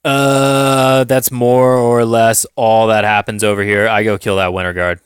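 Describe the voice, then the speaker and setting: A man's voice: on the low side, level tone, measured pace, smooth, no echo, studio quality. A young man casually recapping a tabletop game, chatty and self-deprecating, laughing often. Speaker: tabletop game channel host.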